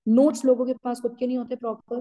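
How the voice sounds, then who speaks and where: Woman, teacher, stern motivational lecture, higher voice with a soft warm timbre. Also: little pitch movement, quick pace, low-quality recording. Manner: firm, scolding, direct, mixes in English. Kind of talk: motivational talk to students.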